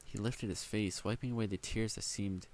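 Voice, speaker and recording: A young man reading a novel aloud, stumbling over words now and then and stopping to react with excited commentary. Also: on the low side, a little hiss or hum. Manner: reads haltingly with slips, breaks off to react excitedly. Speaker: light novel reader and reactor. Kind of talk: casual read-aloud with commentary.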